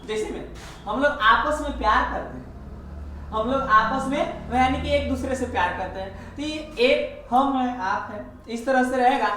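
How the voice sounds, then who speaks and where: A man teaching an English grammar lesson, explaining step by step and repeating each example slowly. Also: very high voice, sharp tone. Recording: echoey room, far from the mic, faint hiss.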